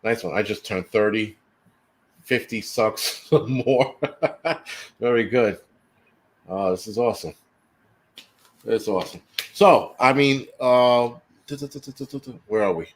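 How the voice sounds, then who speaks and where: Hosting a relaxed livestream, the forty-something man reads comments aloud while joking at viewers' expense and swearing liberally. He talks in a lowish voice at a measured pace, pausing often.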